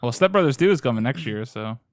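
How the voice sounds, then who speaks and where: A man's voice: mid-range voice, lively intonation, no echo, studio quality. A man from Boston co-hosting a podcast, chatting casually with friends, swearing freely. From Boston area. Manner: chatty, swearing, quick asides. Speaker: podcast co-host.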